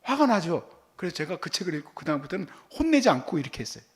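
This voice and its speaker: A man's voice: a little high, big pitch swings, very fast. A man preaching a sermon as pastor, telling stories and acting out how he scolds and comforts his child.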